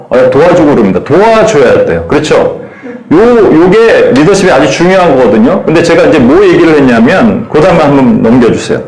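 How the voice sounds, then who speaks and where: A man preaching a sermon in an animated way, acting out the voices he quotes. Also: on the high side, reverberant, poor audio. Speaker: pastor.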